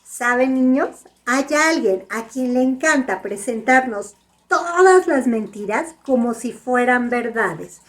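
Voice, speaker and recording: A woman telling a Bible story to children, gently asking them questions as she goes. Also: sits high. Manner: gentle, asks the kids "¿sabes?".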